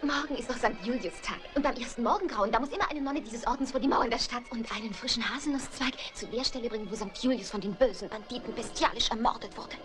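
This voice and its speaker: An actress playing a naive, romantic young fairy-tale princess in a film comedy, gushing in a breathless, swooning and theatrical way. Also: female voice, a little high, quick pace, hardly any pauses, lightly acted. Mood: bossy, scheming. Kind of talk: theatrical comedy film acting in German dub. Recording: music behind the dialogue.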